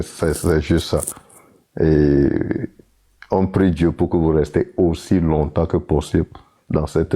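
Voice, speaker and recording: Speaking in a low, warm voice, a young man from Togo with a Togolese accent offers a heartfelt yet casual tribute while taking part in and moderating a live online panel. He sprinkles in English connecting words.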